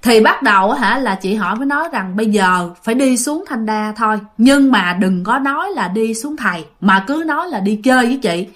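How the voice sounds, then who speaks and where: A woman's voice: on the high side, animated, brisk, few pauses, a bit bright. A woman telling a ghost story in a chatty, informal way, speaking straight to her listeners.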